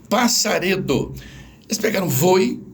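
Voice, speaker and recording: A man's voice: high-pitched, slow, gravelly, crowd noise. A man with a Brazilian accent, a language professor explaining things patiently in an interview. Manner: didactic, animated, spells out examples.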